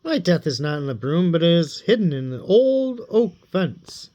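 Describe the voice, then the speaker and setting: A man's voice: on the high side, very animated, moderate pace, mellow, dull audio. A man voicing a stern, mocking male sorcerer who cannot die, in a read-aloud story. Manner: taunting.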